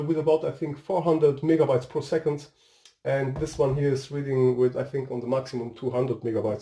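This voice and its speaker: Portuguese-accented man, mellow voice, rambling. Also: medium pitch. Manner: rambling, hesitant, searching for words. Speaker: tech video host. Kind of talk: casual unscripted tech review. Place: home room with a fireplace.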